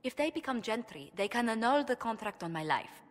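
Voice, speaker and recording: An actress plays a refined noblewoman diplomat in a scripted fantasy game cutscene, sounding polite, formal, articulate, earnest and diplomatic. Her fairly high voice is very animated and a little fast, with long hall reverb and faint ambience in the background.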